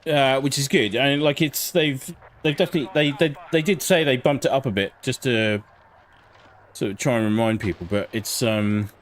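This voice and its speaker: Man casually commentating, mid-pitched voice. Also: moderate pace. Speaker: game livestreamer. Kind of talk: casual live gameplay commentary. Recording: faint game noise behind voice. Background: faint shooter game sounds.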